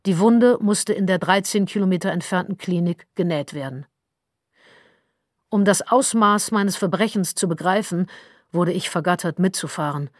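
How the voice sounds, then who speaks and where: Woman, audiobook narration, measured, wry, low voice, dry close mic. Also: dry recording. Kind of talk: scripted narration.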